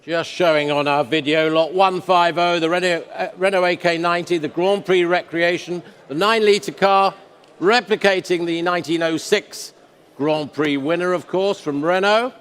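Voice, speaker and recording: A man with a slightly high voice presents auction lots in measured, descriptive phrases. The sound carries the long reverb of a large indoor hall. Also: fairly even intonation, a bit bright, clean tone. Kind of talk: semi-scripted lot presentation commentary.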